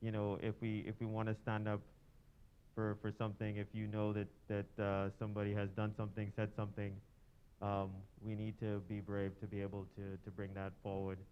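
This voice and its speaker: A man from Trinidad and Tobago, talking haltingly with many fillers and restarts in a church workshop discussion. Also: lowish voice, monotone, dull audio, a little hiss or hum. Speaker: workshop participant.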